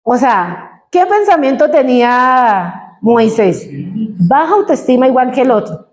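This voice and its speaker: A woman preaching a sermon in church, animated, putting questions to the congregation. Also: high-pitched, a little slow.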